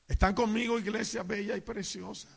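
A man preaching as a pastor, emphatic, swinging between loud bursts and low asides, calling on the congregation to answer. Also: fairly even intonation, brisk, vocal fry, slightly rough. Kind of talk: preaching sermon with call and response. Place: church hall. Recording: long church hall reverb.

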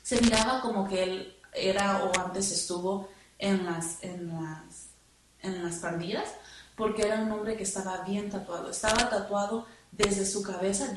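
A woman telling her testimony in church, halting and repeating words as she remembers. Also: medium pitch. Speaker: church member giving testimony. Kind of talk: spoken testimony. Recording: echoey room, far from the mic, noisy.

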